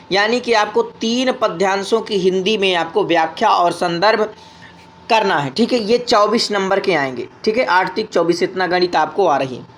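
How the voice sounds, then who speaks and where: A man with a Hindi accent explaining an exam paper as a tutor, reading the questions aloud and chanting the verses in long, drawn-out tones. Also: high-pitched, fairly bright tone. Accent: Hindi, from north India.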